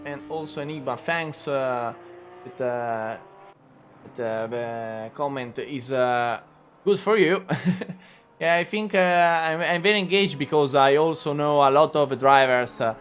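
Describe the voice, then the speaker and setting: An Italian man, a native Italian speaker from Italy, gives casual live sim racing commentary with an injured shoulder. His medium-pitched, slightly bright voice comes with a faint hiss or hum. He's halting and hesitant, full of "uh" fillers and restarts, yet chatty and quick to laugh.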